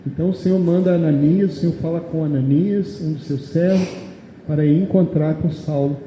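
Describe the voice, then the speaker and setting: Speaking briskly with a warm tone and fairly even intonation, a fairly high-voiced man with a Brazilian Portuguese accent preaches at a church meeting. He reads verses aloud, explains them, and often checks in with "amém?". Long reverb from the echoey hall and faint background noise fill the recording.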